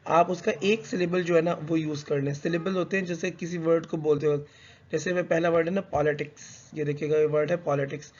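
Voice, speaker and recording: Man, lecture-style teacher, pitch a touch high, dull lo-fi recording, stops to correct himself. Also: fairly even intonation, a little mellow. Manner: reads English slowly, then explains in conversational Hindi mixed with English; hesitant, with fillers and self-corrections. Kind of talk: explanatory lecture.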